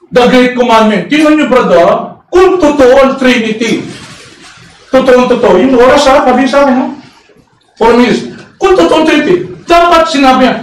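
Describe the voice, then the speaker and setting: High-voiced man arguing in an echoey room. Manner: loud, sometimes shouting, with rhetorical questions. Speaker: debater. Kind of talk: heated debate argument. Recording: echoey room, voice far from mic, faint noise.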